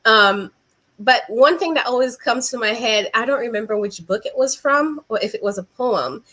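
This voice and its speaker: Young woman host, higher voice, reflective, video-call sound. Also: animated, normal speed, pushed and bright. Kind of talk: casual video-call interview.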